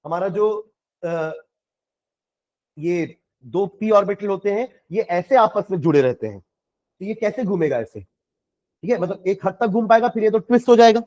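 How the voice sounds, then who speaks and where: A man teaching a chemistry class, explaining patiently, asking his students questions and dictating notes slowly with repetition. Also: high voice, lively intonation, darkish tone, dull audio.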